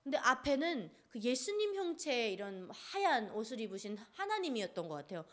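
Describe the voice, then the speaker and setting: A woman from North Korea speaks in a high voice. She gives an earnest personal testimony and tells it vividly, with many fillers along the way. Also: big pitch swings, brisk, fairly bright tone.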